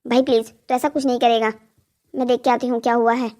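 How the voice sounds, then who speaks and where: A woman's voice: a little high, level tone, fast, a little mellow, lightly acted. A voice actor playing a polite, nervous young bride in a cartoon story, eager to appease her mother-in-law. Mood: anxious. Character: timid dutiful young bride.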